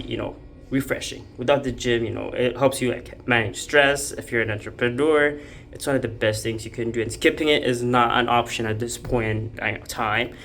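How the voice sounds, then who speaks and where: Background music plays beneath this casual vlog, and there's slight background noise too. The speaker is an Ethiopian startup founder in his twenties, talking to camera in a medium-pitched, fairly bright voice as he roams New York City and hits the gym, rambling with many fillers and restarts.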